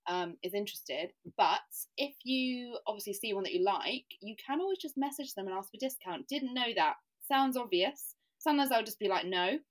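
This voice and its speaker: A woman from England, chatting as a podcast guest with plenty of "like" and self-deprecating laughs. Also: medium pitch. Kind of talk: casual podcast conversation.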